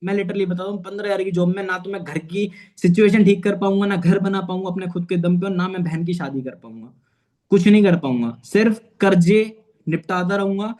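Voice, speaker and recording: A man's voice: sits high, brisk, darkish tone. A man in his twenties gives an earnest, personal motivational talk as a network marketing manager. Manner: earnest, personal, often adds "theek hai". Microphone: online meeting.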